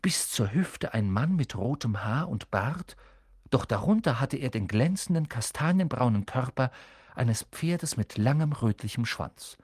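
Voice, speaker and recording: A man narrating an audiobook in a measured storytelling manner. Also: mid-range voice, lively intonation, darkish tone, breathy edge, no echo, clean studio sound. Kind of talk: scripted narration.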